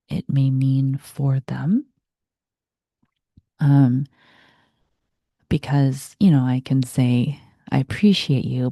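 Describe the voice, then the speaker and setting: A woman sharing reflective spiritual self-help thoughts as host, in a soft, breathy voice that often trails toward a whisper. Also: extremely low pitch, no room sound, studio quality. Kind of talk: reflective spiritual self-help talk, part reading aloud.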